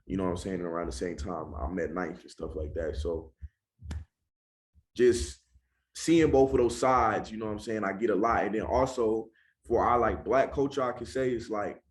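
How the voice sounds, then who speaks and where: A man's voice: lowish voice, normal speed. A young man from Charlotte, North Carolina, with a Southern accent, a rapper talking casually in an interview and often saying "you know what I'm saying".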